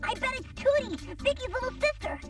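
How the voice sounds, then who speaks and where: A woman's voice: extremely high pitch, big pitch swings, fairly quick. A woman voicing an exasperated, complaining ten-year-old boy in a cartoon video game. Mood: worried. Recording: game audio, mic-distant, elevator music behind.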